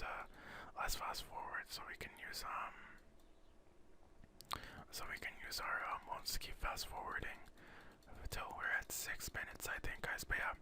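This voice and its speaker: Guy doing whispered asmr game guide, all breathy whisper, kinda hesitant gentle explaining. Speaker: gaming video host and guide. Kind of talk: whispered ASMR gaming commentary.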